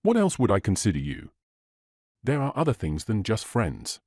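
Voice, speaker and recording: A man playing a gentle young gentleman suitor, soft and reassuring in a storybook reading. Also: on the low side, huge pitch swings, moderate pace, slightly rough, no room sound, clean studio sound, exaggerated voice. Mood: earnest.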